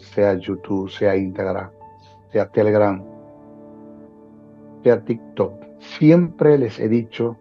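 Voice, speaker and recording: A man, a Bible teacher talking as a guest in a preaching style, repeating phrases for emphasis. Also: fairly low pitch. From Venezuela. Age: 60s. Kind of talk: preaching-style interview talk. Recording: dull lo-fi sound with faint music.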